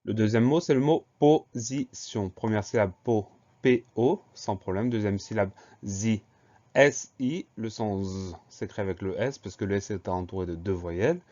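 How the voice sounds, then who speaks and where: A man teaching a children's spelling lesson, slow and patient, spelling each word letter by letter. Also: on the low side, a little mellow. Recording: dull lo-fi recording.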